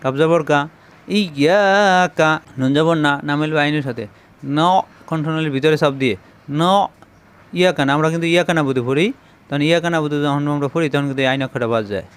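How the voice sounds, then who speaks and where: Male Quran teacher, smooth, slightly high voice, patient syllable drills. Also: steady tone, fast talker. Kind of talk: spelling out Arabic letters for learners.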